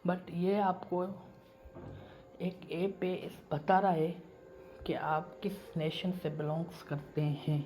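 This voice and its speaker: A man's voice: on the high side, steady tone, slow pace, a little mellow, faint music behind. Emphatic, repetitive man vlogging. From Pakistan. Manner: repetitive and emphatic, circles back to the same points. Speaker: YouTuber. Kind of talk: casual vlog monologue.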